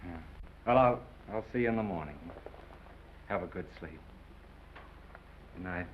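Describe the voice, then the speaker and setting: An actor playing a brash, wisecracking newspaper reporter with slangy patter, in 1930s screwball film style. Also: male voice, sits low. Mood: tender, chatty. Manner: slangy, fast-witted patter. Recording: muffled, hissy 1930s film soundtrack.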